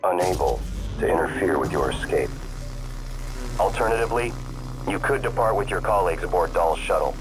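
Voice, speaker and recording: A calm ship computer with a very low voice and a measured, even delivery. It sounds like a composed AI operator from a video game. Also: male voice, poor audio. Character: calm male AI operator robot.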